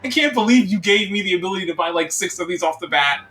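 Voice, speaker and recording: A player chatting casually at a tabletop game, excitable and quick to laugh. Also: mid-range voice. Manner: excitable, lively, laughs often. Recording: echoey room.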